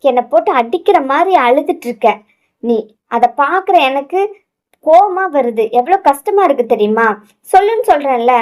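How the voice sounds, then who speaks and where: A woman reading a short-tempered young husband, snappy and high-voiced, audio romance lead. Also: animated, normal speed, darkish tone. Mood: impatient, scolding. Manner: scolding, impatient. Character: young husband, hot-tempered but devoted.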